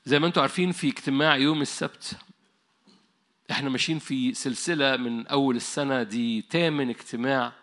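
A man with an Egyptian accent preaching an animated sermon, telling stories and laughing. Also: medium pitch, quick pace. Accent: Egyptian Arabic.

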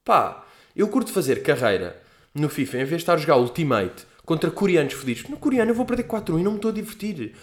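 A man's voice: a little high, very animated, quick pace. A man in his twenties with a European Portuguese accent, casually talking through a solo podcast, slangy and profane, acting out the people he quotes. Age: 20s. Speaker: podcast host. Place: at home. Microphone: podcast microphone.

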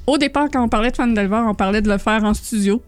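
A woman's voice: a little high, fast talker, clean tone, no room sound. A woman with a Quebec French accent chatting casually as a podcast panelist about tabletop role-playing games.

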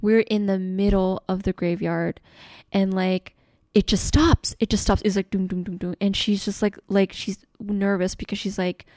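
A woman telling a story in casual chat, animated and full of "like", with casual swearing. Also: mid-range voice, normal speed, dry recording.

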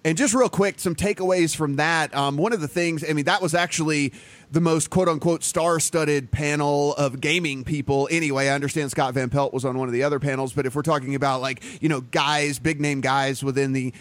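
A man's voice: on the high side, steady tone, a little fast, fairly bright tone. A man hosting a podcast in casual chat, upbeat and rambling, often restarting his sentences. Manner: rambling, self-correcting, upbeat. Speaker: podcast host. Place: Las Vegas home.

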